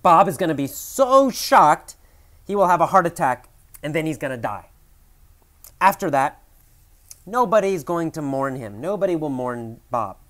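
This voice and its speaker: Animated male English teacher telling a story. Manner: animated storyteller, big swings in pitch and loudness, slows for key lines; thinks aloud with fillers and self-corrections. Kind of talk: storytelling language lesson.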